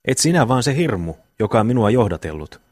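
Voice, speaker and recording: A man's voice: medium pitch, sing-song, darkish tone, no echo. A man voicing a dazed young man who speaks solemnly and ominously after a fright. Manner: solemn, prophetic talk.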